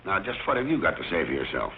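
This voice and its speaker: A man's voice: sits low, very animated, fast. A middle-aged man acting an exasperated wealthy father in 1930s screwball comedy film banter. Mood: stern, exasperated. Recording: muffled 1930s film soundtrack with hiss.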